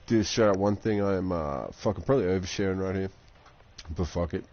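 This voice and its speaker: A man's voice: low voice, brisk, darkish tone, dull audio. A young man chatting casually on a game live stream, rambling and swearing constantly.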